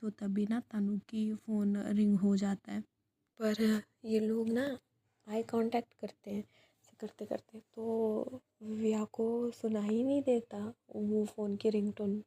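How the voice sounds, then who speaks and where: A woman tells a love story in whispered role-play, pausing often with soft fillers. Her whisper is breathy and dark in color. She keeps a slow, even, flat delivery. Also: mid-range voice.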